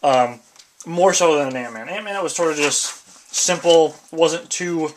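A man's voice: fairly high pitch, slow, slight background noise. A man casually reviewing a comic book, rambling with many fillers while talking around something in his mouth. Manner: loose, rambling, lots of fillers.

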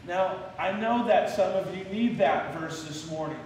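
A man's voice: high-pitched, measured pace, a little mellow, a little hiss or hum. A male pastor preaching a sermon and leading the congregation in call-and-response on a memory verse. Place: church sanctuary. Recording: echoey church hall from a distance.

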